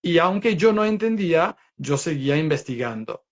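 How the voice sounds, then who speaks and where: A man's voice: fairly high pitch, sing-song, moderate pace, dull audio. A young man from Croatia, speaking in a learned second language as an interview guest, telling his story earnestly and reflectively, with many fillers.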